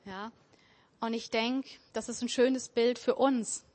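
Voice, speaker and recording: A woman giving a sermon in an earnest, conversational way, often pausing with fillers. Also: on the high side, steady tone, darkish tone. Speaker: preacher.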